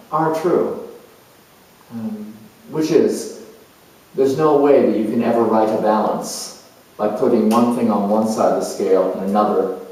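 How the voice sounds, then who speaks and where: A man plays a charming, self-assured politician, a proud, opinionated career man turned world judge, musing aloud reflectively in a first-person monologue. His lowish, darkish voice is slow and halting with emphatic swells, set well back in a very echoey room.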